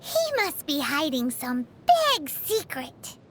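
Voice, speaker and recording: A woman performs a cheeky little fairy companion who hovers beside the player, chatting in game banter and talking about herself in the third person. In full character voice she sounds high, a bit bright and very animated, though her pace is slow.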